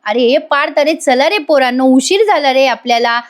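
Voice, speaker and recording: A woman's voice: sits high, moderate pace, natural voice. Woman reading as a bustling, scolding mother. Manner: scolding, hurrying everyone along. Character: bustling fussy mother of two grown sons.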